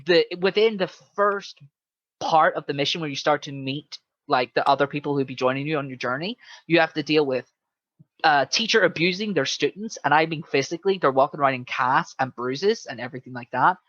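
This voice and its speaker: A man co-hosting a casual chat about video games, retelling things in an animated way and acting out quotes. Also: a little high, brisk, no echo. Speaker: podcast co-host. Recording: dull, muffled lo-fi sound.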